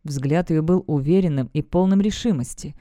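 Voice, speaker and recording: Fantasy audiobook narrator, mellow and smooth, dry close recording. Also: mid-range voice, moderate pace, dry recording.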